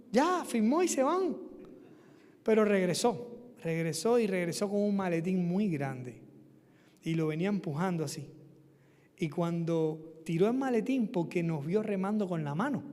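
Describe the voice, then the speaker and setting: Animated man telling his testimony. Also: high voice. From Cuba. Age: young adult. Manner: animated storytelling, shouting out quoted cries. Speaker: guest preacher. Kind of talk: testimony sermon. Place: church sanctuary. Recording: long church reverb.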